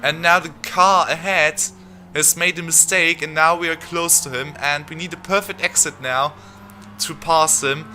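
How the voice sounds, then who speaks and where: Bright-voiced man, fast game commentary. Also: fairly high pitch, fairly even intonation, soft background music. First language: not English. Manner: fast, rambling, chatty with many fillers. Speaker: sim racing channel host. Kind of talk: live racing game commentary.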